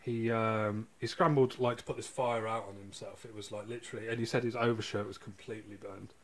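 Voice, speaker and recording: A man hosting a casual podcast, telling a case and reading quotes aloud with halting restarts. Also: lowish voice, steady tone, fairly bright tone.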